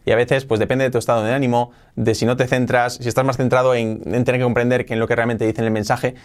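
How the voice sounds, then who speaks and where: A man gives a video lesson on learning English, speaking with energy and often repeating words to stress a point. He slows down to spell out example phrases clearly. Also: medium pitch, level tone. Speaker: English teacher.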